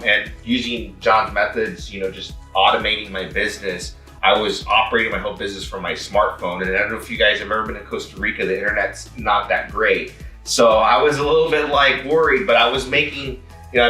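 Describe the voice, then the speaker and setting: An excited man from Mexico rambles through his testimonial, full of fillers. His voice is low-pitched and sharp. He sounds set back from the mic in an echoey room, with music underneath. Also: brisk, distant mic. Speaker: customer testimonial. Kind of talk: casual testimonial.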